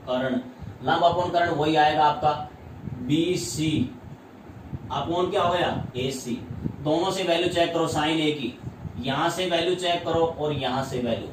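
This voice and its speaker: A man with a Hindi accent teaches maths in a slightly high voice, asking rhetorical questions and repeating each term. He is heard from far off in an echoey room, with faint room hum behind him. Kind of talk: classroom lesson.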